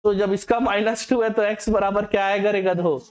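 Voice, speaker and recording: High-voiced male teacher in echoey classroom. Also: fairly even intonation, normal speed. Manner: asks the class questions and answers them himself, teasing and scolding. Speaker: chemistry teacher. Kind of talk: lively classroom lecture.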